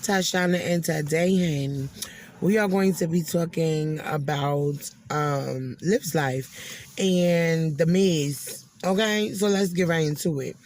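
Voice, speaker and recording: A woman with a low, slow, somewhat dark voice hosts a commentary and reaction channel, with slight background noise. She delivers opinionated social commentary aimed at someone who isn't present, scolding emphatically and repeating phrases for stress.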